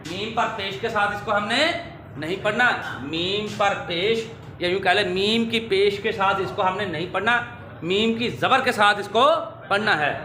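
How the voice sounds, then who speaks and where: A man teaching pronunciation to children, slowly repeating wrong and correct forms. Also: high voice, pushed and bright, slight background noise. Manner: slow, drills correct and wrong forms, addresses dear children. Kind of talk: classroom pronunciation lesson. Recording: echoey room with faint ambience.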